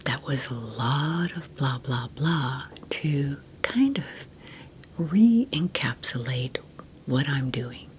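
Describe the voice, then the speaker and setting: An older woman talks in a hushed ASMR whisper, right up at your ear. Her delivery is slow and soothing, low in tone and very close to the microphone. A faint rumble of noise sits behind her. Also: lively intonation. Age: older, grandmother of an 18-year-old. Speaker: ASMR video creator.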